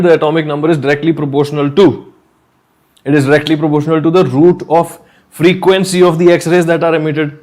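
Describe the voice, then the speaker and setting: A man's voice: mid-range voice, darkish tone. A man with a North Indian accent teaching an informal online chemistry lesson, chatty, repeating key points and checking in with okay and yeah.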